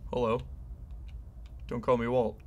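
A man's voice: mid-range voice, flat delivery, a little slow, muffled recording, slight background noise. A man giving casual, jokey commentary to himself while he plays a horror game. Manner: chatty, jokey, muttering to himself. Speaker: gamer playing a horror game. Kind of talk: casual let's-play commentary.

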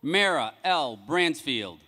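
Male ceremony announcer, bright, fairly high voice, formal measured name-reading over an outdoor PA. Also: expressive. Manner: measured, announcing each name with a rising then falling cadence. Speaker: commencement name reader. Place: large outdoor graduation ceremony.

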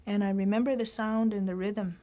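A middle-aged woman giving reflective interview answers, speaking thoughtfully with pauses and restarts, recorded in a library room. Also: medium pitch, fairly even intonation, mellow. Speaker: writer and teacher interviewed.

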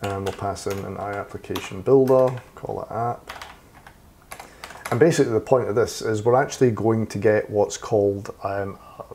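A slightly hoarse man walks through a coding tutorial in a low voice. His tone is mellow and relaxed, and he thinks aloud with fillers while keys clack in the background over faint noise. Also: moderate pace. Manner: talks while typing, thinking aloud with fillers and self-corrections. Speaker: programming tutor. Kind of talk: screen-recorded coding tutorial. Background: keyboard typing and clicks.

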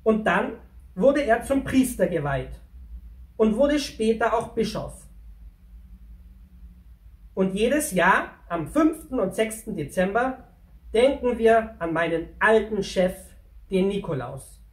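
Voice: mid-range voice, sing-song, takes it slowly, long pauses. Friendly male pack donkey, played by a performer as a kids' storyteller; chatty, talks straight to the children; roomy, distant recording. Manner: chatty, addresses the children directly. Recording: roomy, from away from the mic.

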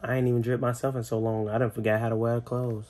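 A man's voice: mid-range voice, little pitch movement, fast talker, a little mellow. A young man chatting casually to camera in a family vlog, slangy, laid-back and teasing. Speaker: family vlogger.

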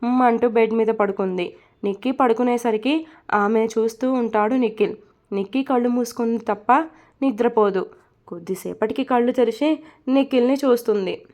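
A woman narrating a romantic story in a steady, expressive reading voice. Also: fairly high pitch, moderate pace.

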